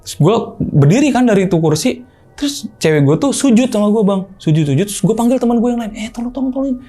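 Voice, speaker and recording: A young man casually telling a story, animated and acting out other people's voices. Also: high voice, fast, soft background music. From Indonesia. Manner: animated, acts out quoted voices. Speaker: guest storyteller.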